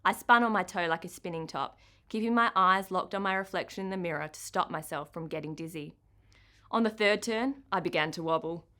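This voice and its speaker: An Australian author gives an expressive first-person reading of her own children's book. She speaks briskly in a lowish voice.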